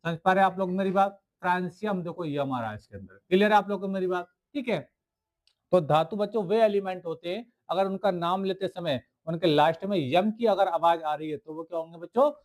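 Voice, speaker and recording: A man's voice: sits high, fairly quick. A man teaching school science in a video lecture, asking his students questions and answering them himself, repeating each key word. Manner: writes on the screen while explaining.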